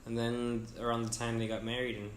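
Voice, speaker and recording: A man's voice: mid-range voice, monotone, brisk, a little hiss or hum. A man interviewing a student, asking probing questions and often rephrasing or prompting answers. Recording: echoey room.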